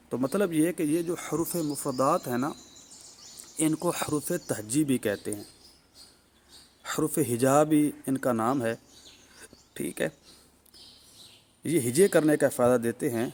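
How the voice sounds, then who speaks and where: Man, Pakistani Urdu accent, tajweed teacher, step-by-step explanation, drawn-out letter sounds, medium pitch. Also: slight background noise. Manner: explanatory, frequent "ٹھیک ہے" check-ins. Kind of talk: recorded lesson.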